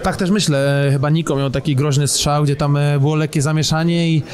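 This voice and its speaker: A young footballer giving a halting post-match interview at a sponsor wall into a handheld microphone, with many fillers and restarts. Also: male voice, on the high side, steady tone, darkish tone. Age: young adult. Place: stadium mixed zone by a sponsor wall. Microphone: handheld broadcast mic.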